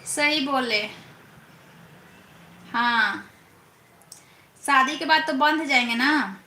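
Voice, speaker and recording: A woman's voice: sits high, bright, forceful tone. A young woman hosting a casual live stream, teasing viewers and reading their comments aloud. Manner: teasing, playful, drawn-out questioning. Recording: echoey room, faint background noise.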